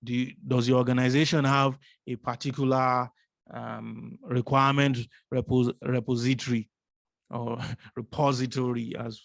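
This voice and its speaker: A man's voice: medium pitch, flat delivery, moderate pace, gravelly, dry recording, studio quality. A man teaching a business analysis course, explaining step by step, asking rhetorical questions and often adding "right?". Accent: non-American English.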